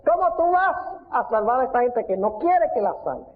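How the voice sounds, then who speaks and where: A preacher putting on a taunting devil. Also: male voice, extremely high pitch, big pitch swings, moderate pace. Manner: mocking, pleading taunts in a raised voice. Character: taunting male devil, scornful and persuasive. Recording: tinny phone-like sound.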